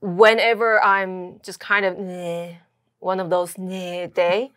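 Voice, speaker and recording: A woman co-hosting a relaxed board game chat, giggly and speaking in short halting phrases. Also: medium pitch, smooth. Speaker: board game channel co-host. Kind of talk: casual chat.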